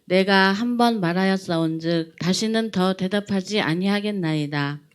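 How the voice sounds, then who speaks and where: A woman from the congregation reading scripture aloud in a measured, solemn way. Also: medium pitch, smooth.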